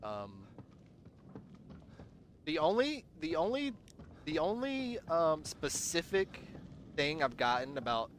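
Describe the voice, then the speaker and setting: A man's voice: fairly high pitch, sing-song, takes it slowly, long pauses, slight background noise. A young man from Southern Virginia with a loose mix of American accents, chatting casually on a gaming livestream and answering his chat. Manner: rambling, answers chat, trails off. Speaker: gaming streamer. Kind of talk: casual live-stream chat.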